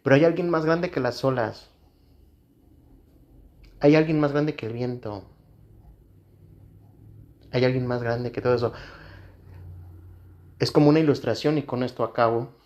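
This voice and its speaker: A man's voice: mid-range voice, measured pace, pauses often, a little mellow, dull audio. A man, a pastor, preaching a sermon in an earnest way, repeating phrases for emphasis.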